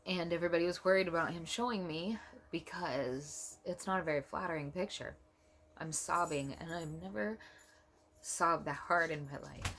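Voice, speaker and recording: A young woman vlogger telling a personal story in an earnest, emotional way, with soft pauses. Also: lowish voice, slight background noise.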